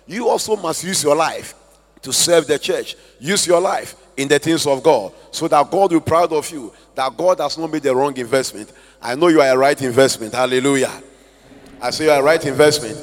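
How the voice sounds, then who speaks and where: A man with a Ghanaian accent preaching a sermon as a pastor, with slow emphatic stress and loud swells. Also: fairly high pitch. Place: church hall. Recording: long church hall reverb.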